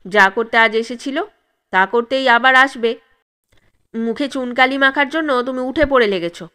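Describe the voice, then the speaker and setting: A woman's voice: high-pitched, moderate pace, sharp tone, clear, resonant tone. A woman voicing an angry, suspicious husband who scolds his wife in a raised, accusing voice. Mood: angry scolding.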